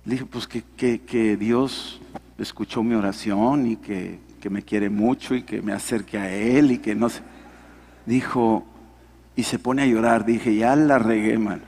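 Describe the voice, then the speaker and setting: A man's voice: fairly low pitch, steady tone, a little slow, darkish tone. A middle-aged Mexican man, a pastor, telling his story in a sermon and acting out the dialogue. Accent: Mexican Spanish. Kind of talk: sermon testimony. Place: large hall at a men's conference. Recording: echoing hall reverb.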